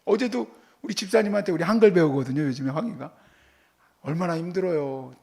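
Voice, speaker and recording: Guy pastor giving a sermon, kinda high voice, gravelly, acts out little scenes with his kid. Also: brisk, darkish tone. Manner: storytelling, acts out scolding and comforting his child.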